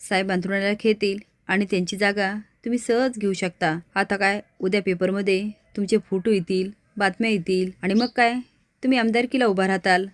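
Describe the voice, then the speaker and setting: Woman reads a defiant young man, firm and accusing, quick delivery, dry close sound. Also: medium pitch, fairly even intonation, no echo, close to an everyday voice. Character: young man standing up to a scheming rich woman.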